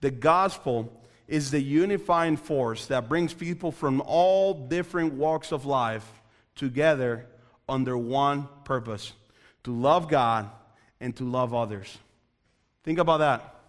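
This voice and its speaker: A man's voice: medium pitch, takes it slowly, long reverb tail. A young man from the Dominican Republic preaching an earnest youth sermon, repeating phrases for emphasis and speaking straight to the room. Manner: earnest, repetitive emphasis, addresses the room directly. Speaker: youth pastor.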